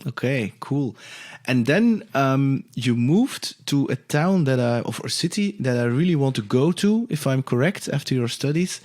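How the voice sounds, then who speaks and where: European man hosting a podcast, halting speech. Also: mid-range voice, animated, darkish tone. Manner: halting, restarts and hesitant phrasing. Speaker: podcast host. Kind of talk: casual interview chat.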